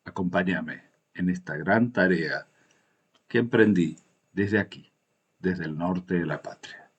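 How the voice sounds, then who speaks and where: An Argentine man hosting a political video, giving patriotic commentary to viewers in solemn, emphatic oratory with short deliberate phrases. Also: sits low, slightly rough, muffled recording. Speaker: political interview video host.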